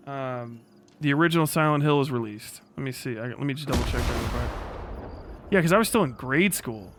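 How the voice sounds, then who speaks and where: A man in his thirties hosts a casual livestream, rambling and swearing freely as he comments. His mid-range voice moves briskly, and the background is noisy.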